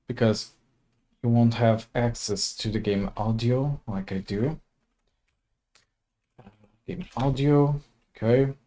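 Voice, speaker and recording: A young Slovak man with a mid-range, somewhat dark voice is livestreaming a game through a desk mic. He chats casually, laughs a lot, and reads the game's text out loud.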